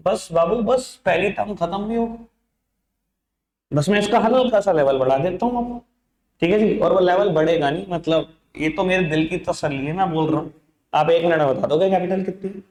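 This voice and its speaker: A man's voice: high voice, moderate pace, darkish tone, echoey room, low-quality recording. A man teaching an accounts class in a classroom, coaxing his students along and mixing into his talk. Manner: coaxing, addresses students as beta and babu. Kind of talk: classroom lecture.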